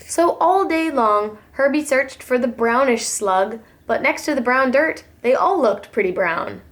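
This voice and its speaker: A preschool teacher reads a picture book aloud to young children, animated and dramatic in her storytelling. Her voice is high-pitched and her pace measured.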